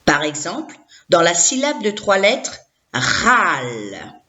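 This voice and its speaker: A woman's voice: medium pitch, big pitch swings, unhurried, a bit bright, dull audio. A woman teacher giving a recorded reading lesson to young children, sounding out syllables one by one and having the listener repeat them.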